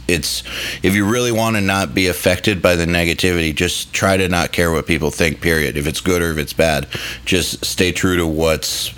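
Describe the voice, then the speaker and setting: A man with a deep voice talks as a podcast co-host. His delivery is casual and earnest, like a conversation between musicians. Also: fairly bright tone.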